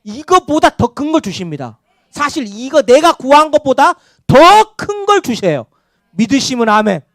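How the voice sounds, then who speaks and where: Animated, high-voiced pastor preaching. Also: male voice, moderate pace, dry recording, studio quality. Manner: animated preaching with call-and-response amens. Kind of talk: sermon. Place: church sanctuary.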